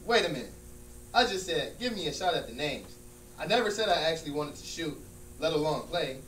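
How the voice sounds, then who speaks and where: A man's voice: a little high, lively intonation, fairly quick, a bit bright. A man acting out a smug, exasperated friend who mocks and corrects emphatically in a comedy scene. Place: large room with small stage, indoors. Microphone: far camera. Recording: distant, echoey room with hum and noise.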